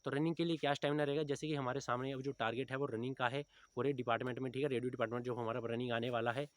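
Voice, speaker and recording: Racing along at medium pitch with fairly even intonation, an exam coaching teacher around thirty gives informal motivational advice to recruitment candidates, frequently tacking on check-in tags. There's no room sound.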